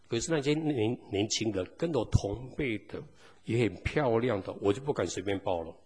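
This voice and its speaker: A man's voice: lowish voice, lively intonation, normal speed, a little mellow, husky. A man preaching a sermon as pastor, peppering the congregation with rhetorical questions. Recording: long hall reverb.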